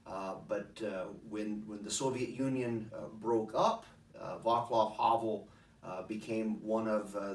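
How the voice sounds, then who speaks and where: A middle-aged man giving an informal explanatory talk in a measured, articulate way, halting now and then with pauses. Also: mid-range voice. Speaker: speaker introducing a recording of his own past oration. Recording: roomy echo, distant microphone.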